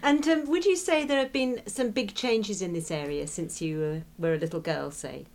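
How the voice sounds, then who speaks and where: A woman's voice: fairly low pitch, normal speed, darkish tone. A woman interviewing, asking questions with a few hesitant ums.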